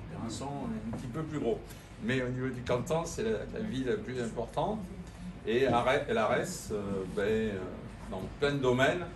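A man who is a departmental councillor gives a rambling, halting speech at an exhibition opening, full of fillers. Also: medium pitch, far from the mic. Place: exhibition room in an old town hall. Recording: echoey room, voice from afar, ambience noise.

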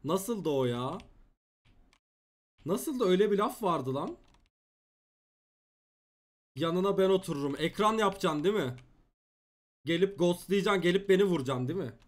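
A young man chats casually over his gameplay, joking and teasing his viewers. His voice sits high and swings up and down. Keyboard typing clicks away behind him. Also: animated, normal speed, long pauses. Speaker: gaming streamer.

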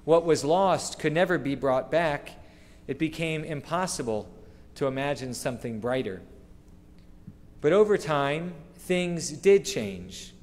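Middle-aged male rabbi, earnest measured sermon, slightly high voice, lectern mic in a big sanctuary with long reverb. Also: expressive. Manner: measured, earnest preaching with slow emphatic phrases. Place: synagogue sanctuary, standing at a wooden lectern. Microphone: lectern microphone. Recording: long reverb of a large hall.

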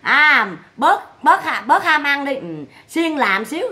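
Woman, high bright voice, scolding and mocking nonstop in a vlog rant. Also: sing-song, slow. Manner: scolding, mocking, rhetorical questions. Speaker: vlogger commenting on family drama. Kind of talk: scolding monologue.

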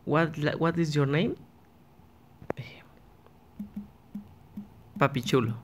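Faint music plays behind this slightly high male voice, which draws out its words. He's a gaming YouTuber, casually chatting to himself and his viewers as he plays and frequently restarting what he says.

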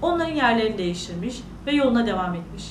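A woman tells a bedtime fairy tale in a lively, sing-song way, her voice high and swinging widely in pitch. The recording sounds echoey and set a little far from the mic. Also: racing, a little hiss or hum. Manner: animated, sing-song storytelling. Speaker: storyteller. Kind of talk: children's fairy tale narration.

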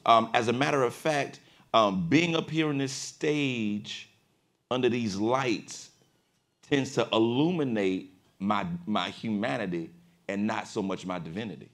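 A pastor and podcast host leads a panel discussion on a studio stage before an audience, preaching his way up to emphatic peaks. His voice is fairly low, unhurried, and a bit bright.

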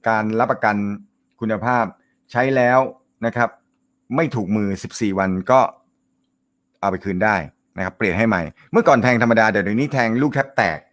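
A man hosting a casual live stream, reading viewer comments, with a naturally loud voice and a joking, chatty manner. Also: on the low side, a little fast. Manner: joking, laughs often, chatty. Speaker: host of a snooker live show.

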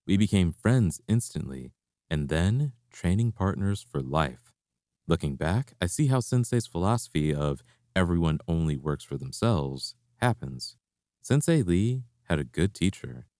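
A young man, a karate instructor, reading his own memoir aloud in a steady, reflective way. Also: low voice, unhurried, dry recording, clean studio sound. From Canada. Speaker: martial arts instructor.

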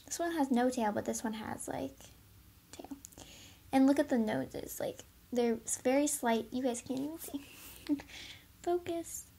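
A woman with a high, slightly gravelly voice chats about toys in a casual, giggly way. She sits in a carpeted room at home, talking to a camera set on the floor. Her delivery is loose and playful. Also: measured pace, long pauses, mellow. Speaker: toy reviewer. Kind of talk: casual toy unboxing chat.

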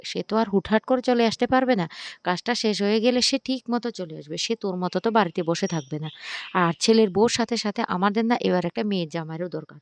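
A woman's voice: mid-range voice, fast talker, dry recording, lightly acted. Brief: protective mother figure in a storybook recap, firm and assertive, read by a woman in a dry close voice.

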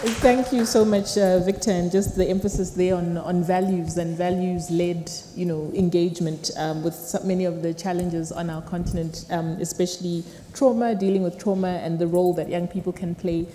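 A woman's voice: fairly low pitch, steady tone, moderate pace, hardly any pauses, warm tone. Middle-aged woman moderating a town hall. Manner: hesitant, with many fillers and restarts. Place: lecture hall, seated on a panel. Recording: roomy hall reverb with faint noise.

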